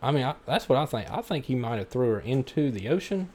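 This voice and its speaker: A man's voice: medium pitch, big pitch swings, fast, darkish tone. A man, co-hosting a podcast in laid-back casual chat, asking questions and swearing now and then. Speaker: podcast co-host.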